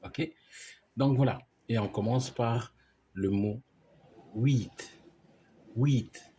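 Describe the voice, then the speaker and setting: A man's voice: mid-range voice, extremely slow, mellow, a little hiss or hum. A man teaching a language lesson, explaining words patiently and spelling them out letter by letter.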